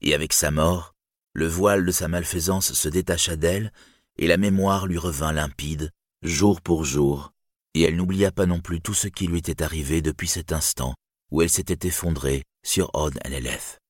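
A man narrating an epic tale in an audiobook with solemn, measured storytelling. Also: sits low, dry recording, clean studio sound. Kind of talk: audiobook reading.

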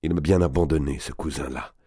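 A man reading an audiobook and voicing a boisterous, crude, scheming giant nobleman who talks loudly, mocks and laughs often. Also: very deep voice, steady tone, fairly quick, husky, no echo, studio quality, voice pushed down, heavily acted. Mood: boastful. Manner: loud, mocking, bawdy, with bursts of laughter. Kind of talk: audiobook reading of a historical novel.

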